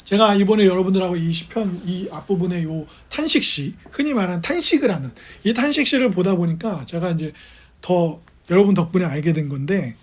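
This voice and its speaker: A man's voice: high-pitched, fairly quick. A man preaching a sermon as pastor, talking in a conversational way, asking the congregation questions and acting out quoted voices.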